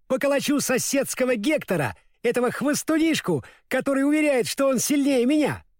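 A small male dog brags in a high, bouncy voice, put on by a man reading aloud. He is eager and cocky, his pitch jumping well above the reader's own. The sound is close and dry. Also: sing-song, fairly quick, no echo. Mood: boastful. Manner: eager, boasting. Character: boastful little male dog.

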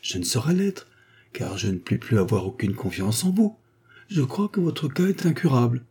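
A man voicing an earnest, kindly older gentleman who gently lectures a young woman in a story reading. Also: medium pitch, big pitch swings, normal speed, breathy edge, voice pushed up, heavily acted. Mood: grave. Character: kindly grave older gentleman, a tax collector.

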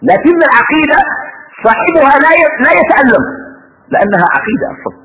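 A high-pitched, fast-talking man teaches a religious class, often quizzing his students. His voice swings widely in pitch. The recording is dull and lo-fi, with a long echo from a lecture hall. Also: a little hiss or hum. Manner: animated, rhetorical questions to students. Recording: dull lo-fi sound in a reverberant hall.

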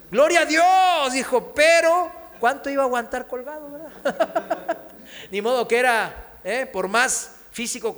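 A man preaching a sermon, telling a story with lively acted-out cries and chuckles. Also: high-pitched. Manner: animated storytelling, acts out cries and laughs. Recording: long hall reverb.

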